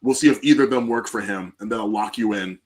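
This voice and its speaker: A man hosting a casual music podcast, talking in a loose, profane and animated way into a podcast mic. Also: fairly low pitch, quick pace. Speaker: podcast host.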